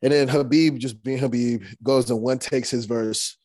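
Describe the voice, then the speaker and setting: Speaking at normal speed with a medium pitch, a young rapper guest shares casual stories in an interview. He's laid-back and rambling, full of fillers and restarts, and the recording is dry.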